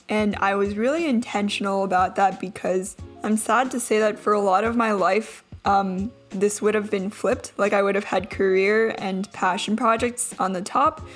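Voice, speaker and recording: A young adult woman giving a casual, chatty, self-deprecating vlog voice-over, with some trouble saying her R sounds. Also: mid-range voice. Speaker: vlogger. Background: background music.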